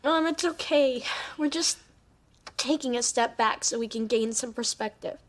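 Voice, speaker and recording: An actress playing a young adult daughter in a sitcom, earnest and gently firm. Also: female voice, on the high side, moderate pace, close to an everyday voice. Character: young woman asserting her independence from mom. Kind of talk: sitcom acting.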